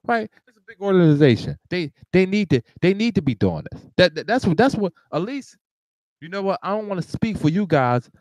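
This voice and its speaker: Show host, male, high bouncy voice, animated rant, close dry mic. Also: dry recording, low-quality recording. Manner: animated ranting with laughs and repeated restarts. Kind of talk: live talk show monologue.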